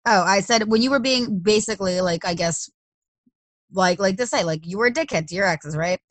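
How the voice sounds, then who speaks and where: A woman's voice: mid-range voice, a little fast, no room sound, rough recording. A woman in her thirties talking casually, blunt and emphatic, with frequent swearing. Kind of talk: casual conversation.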